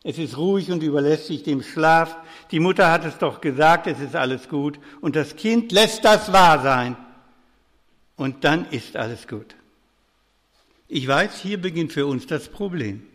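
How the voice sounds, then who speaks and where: An older man giving a pastoral sermon lecture, speaking directly to his listeners and moving between raised urgent appeals and quiet, low phrases. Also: lively intonation, a little slow. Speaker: preacher. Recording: long reverb of a hall.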